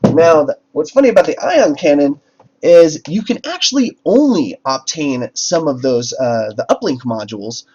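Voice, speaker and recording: A man's voice: fairly high pitch, animated, moderate pace, a little mellow, breathy edge. A man hosting a game livestream, talking casually to chat with lots of fillers and restarts. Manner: chatty, many fillers and restarts. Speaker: livestream host. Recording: dull lo-fi stream audio with faint music.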